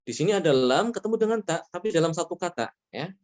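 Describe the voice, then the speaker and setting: A man's voice: fairly high pitch, expressive. Male tajweed teacher, patient and repetitive. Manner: patient, repeats examples slowly, frequent "ya" checks; chants Arabic examples slowly and louder. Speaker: Quran recitation teacher. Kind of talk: religious lesson on tajweed rules.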